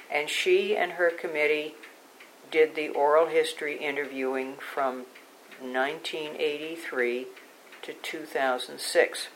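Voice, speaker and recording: An older woman with a low voice gives an oral history interview. She recollects in measured, halting phrases. There is noticeable noise behind her. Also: poor audio.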